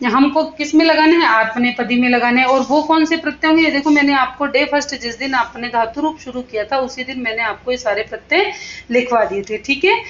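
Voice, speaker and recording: A woman's voice: high-pitched, a bit bright, muffled recording, slight background noise. A woman Sanskrit teacher giving a grammar lesson to children, asking questions and answering them herself and calling her pupils "beta" with affection.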